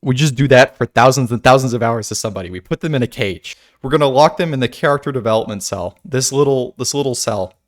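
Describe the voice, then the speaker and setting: A man's voice: mid-range voice, fast talker, few pauses. A man giving a casual philosophical monologue, thinking aloud with restarts and asides. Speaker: video creator.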